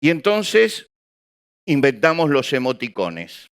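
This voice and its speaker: A man's voice: on the high side, wildly swooping pitch, takes it slowly, clean tone. A male pastor preaching to a live congregation, asking rhetorical questions and acting out small examples. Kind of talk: sermon. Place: church or hall with an audience.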